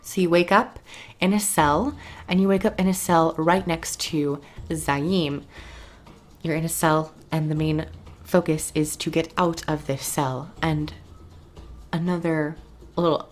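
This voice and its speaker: A woman's voice: low-pitched, steady tone, unhurried, soft background music. A woman casually and enthusiastically recapping a video game story as a reviewer, rambling a little and sounding tired.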